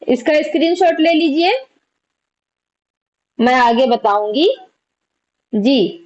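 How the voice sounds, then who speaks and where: High-voiced woman teaching an Urdu class. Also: lively intonation, slow pace, darkish tone, highs cut off. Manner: patient explaining, quizzing students with questions. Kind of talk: online class lesson.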